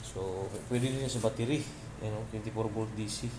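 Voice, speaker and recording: A Filipino man who presents electronics repairs walks through a casual, hands-on tutorial, pointing out parts informally as he goes. His voice is lowish and his pace normal. The home-made video recording is clearly noisy.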